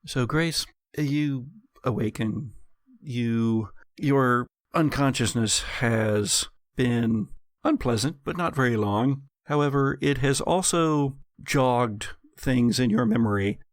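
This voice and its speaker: Acting as game master, a man narrates a gothic horror tabletop game in a medium-pitched voice. He speaks slowly and deliberately, using descriptive, suspenseful phrasing. The recording is close and dry.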